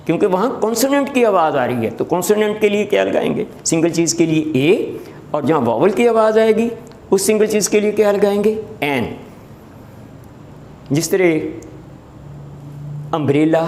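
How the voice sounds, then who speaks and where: A man's voice: high voice, a little mellow. A man who teaches English, giving a lecture, patiently repeating examples and checking that students understand. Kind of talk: recorded classroom lecture. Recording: echoey room with faint noise.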